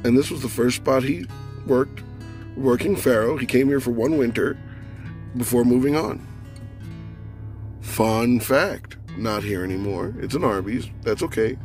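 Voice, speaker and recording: Out on windy town streets, a man films a casual travel vlog, narrating himself in a chatty, wry way while his voice gives out. He speaks at medium pitch, unhurried and a little mellow, with long pauses, and music plays beneath him.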